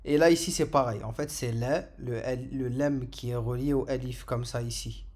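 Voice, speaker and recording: A man's voice: mid-range voice, steady tone, normal speed, darkish tone. A man giving a patient, step-by-step lesson on Arabic letters, repeating each sound for learners. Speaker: Arabic teacher. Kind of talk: slow step-by-step alphabet lesson.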